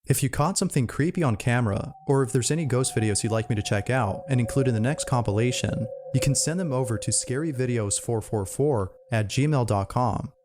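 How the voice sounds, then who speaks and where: A man narrating a scary video compilation in a measured, scripted way. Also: mid-range voice, a little mellow, slight background noise. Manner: measured storyteller.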